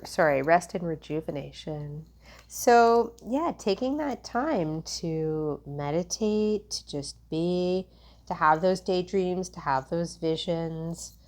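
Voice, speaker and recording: This tarot reader's voice is fairly low with a darkish tone. A native English speaker, she gives a casual spiritual reading in a rambling style, often restarting and leaning on fillers.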